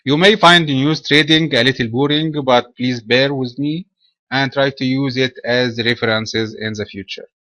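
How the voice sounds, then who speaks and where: A man from Egypt presenting a trading webinar in a measured, explanatory way. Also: medium pitch, sharp tone, dry recording.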